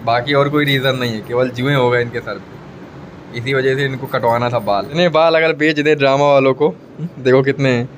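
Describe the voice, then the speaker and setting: Young man, family vlogger, teasing chatty tone, phone camera at home, mid pitch, faint hiss. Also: steady tone, moderate pace. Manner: teasing, chatty, keeps addressing viewers. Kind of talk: casual vlog chat to the camera. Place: indoors at home.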